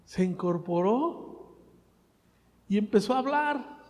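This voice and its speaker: A man preaching a sermon, asking the congregation questions and swinging between loud and soft. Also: high voice, animated, slow, in a large hall. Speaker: pastor.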